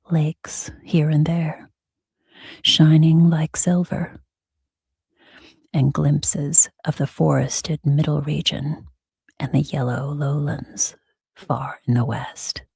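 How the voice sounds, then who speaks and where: Very breathy, whispering woman, slow sleep story narrator. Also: low-pitched, no room sound, clean studio sound. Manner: slow, hushed, soothing delivery with soft pauses. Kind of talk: whispered ASMR reading for sleep.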